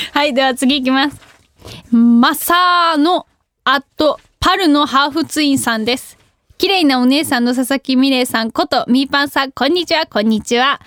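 Her voice is high-pitched and a bit bright, with no echo, as this young woman hosts a casual radio show from the studio. She reads listener mail, giggling and making light of herself.

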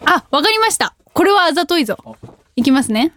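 High-voiced giggly woman radio host. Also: very animated, fast talker, a bit bright, no room sound. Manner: giggly, self-deprecating. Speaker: idol radio host reading listener mail. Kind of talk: casual radio chat. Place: radio studio.

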